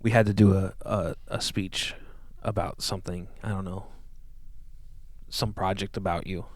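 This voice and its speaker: A man's voice: low voice, fairly even intonation, normal speed, no room sound, clean studio sound. Laid-back rambling man. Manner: rambling, laid-back, often trails off quietly. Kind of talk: casual chat.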